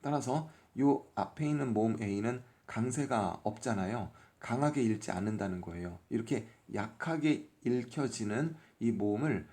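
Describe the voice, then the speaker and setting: Working through a workbook lesson step by step, a man whose first language is Korean patiently sounds out English letters and explains what every word means. He speaks warmly in a lowish voice at a normal pace, pausing little.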